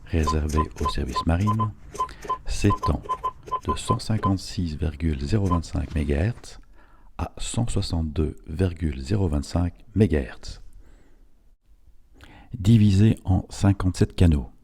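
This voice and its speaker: A man's voice: sits low, huge pitch swings, unhurried, long pauses, husky. A man reading a scripted instructional narration in a didactic, step-by-step way, as an instructor would.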